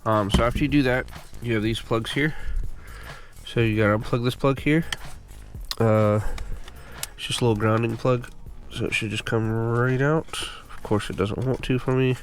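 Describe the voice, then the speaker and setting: Working on a car, a congested man who hosts a repair channel gives a casual, relaxed walkthrough packed with fillers. His pitch is medium and his speed normal.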